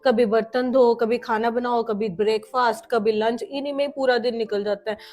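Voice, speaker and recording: Skit actress, high voice, grumbling delivery. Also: female voice, steady tone, moderate pace, a little mellow. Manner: complaining and whiny. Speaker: actor in comedy skits. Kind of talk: scripted comedy skit acting.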